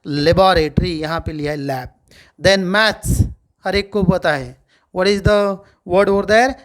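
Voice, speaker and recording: A man's voice: sits high, drawn-out words. A middle-aged man with an Indian English accent, teaching a video lesson in a mix of Hindi and English and asking himself questions as he explains. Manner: asks rhetorical questions and answers them himself.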